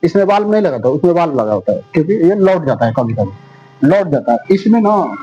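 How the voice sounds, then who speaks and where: A man's voice: fairly high pitch, very animated, fast, mellow. A man teaching a class in a casual, repetitive way, asking questions and answering them himself. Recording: dull lo-fi sound with faint music.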